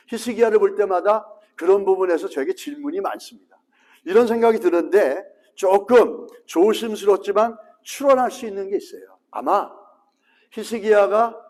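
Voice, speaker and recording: A man's voice: sits high, a little mellow. A male pastor preaching a sermon, asking the congregation rhetorical questions and acting out prayers in a raised voice. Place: church sanctuary. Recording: long reverb of a church sanctuary.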